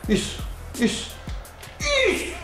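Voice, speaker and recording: A man with a European Portuguese accent, playing a football video game and reacting loudly to each play as he talks at it. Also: slow, reverberant, music in the background, low-quality recording. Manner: excitable, talks at the game and the referee, frequent exclamations. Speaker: gaming channel host.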